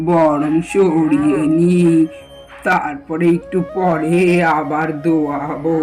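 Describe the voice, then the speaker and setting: A man voicing a stubborn, kindly old village grandmother in a doll cartoon, speaking in a slow, drawn-out, fussing way. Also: a little high. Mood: alarmed.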